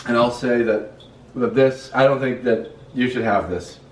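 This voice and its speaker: A man speaks casually to camera as a vlogger whose mouth is burning from spicy food. His voice sits at a middling pitch. It is recorded in an echoey room, some distance from the microphone. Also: a little slow, a little mellow, slight background noise. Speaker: vlogger doing a hot sauce challenge. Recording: echoey room, far from mic.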